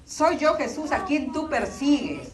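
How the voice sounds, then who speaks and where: A commanding divine man speaking out of a blinding light, played by a woman reading a story. His orders come firm and slow. The voice sounds distant in an echoey room with a crowd behind. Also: sits high, sing-song, pitched above the performer's own voice.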